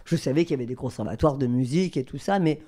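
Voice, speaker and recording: An older woman from southern France, a guest voice actress telling lively anecdotes and acting out the people she quotes. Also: rumbling low, fast talker. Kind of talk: anecdotal storytelling.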